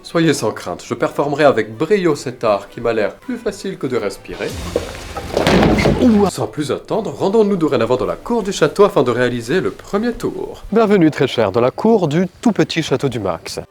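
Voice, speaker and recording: A man's voice: mid-range voice, big pitch swings, normal speed, darkish tone, faint music behind. Theatrical mock-pompous young man. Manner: mock-pompous, theatrical old-fashioned French. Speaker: YouTuber host. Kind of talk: comedic vlog narration in costume. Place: castle grounds and rooms.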